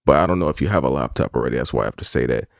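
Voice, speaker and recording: A man streams live in a very deep, creaky voice with lively intonation, racing along as he rambles casually and swears bluntly. The sound is dull, lo-fi, and dry, with no room sound.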